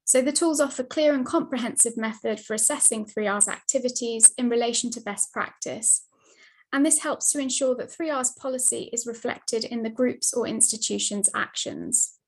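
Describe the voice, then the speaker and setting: A woman giving a steady, scripted slide presentation over a video call, her mic cutting in and out. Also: fairly high pitch, moderate pace, poor audio. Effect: video call audio, mic cutting in and out. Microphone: computer mic on a video call.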